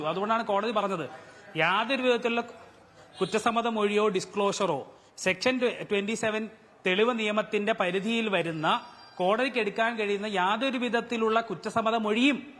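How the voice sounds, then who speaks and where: A man's voice: sits high, a bit bright, long reverb tail. A man with a Malayali accent, a defence lawyer arguing hard in a TV debate, pressing his point with repeated rhetorical questions. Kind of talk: heated TV debate argument.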